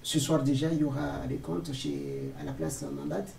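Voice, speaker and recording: A man organizing a literary festival, speaking in a slow, halting way. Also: on the high side, huge pitch swings, creaky, warm tone, a little hiss or hum. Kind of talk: interview answers. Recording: roomy, distant from mic.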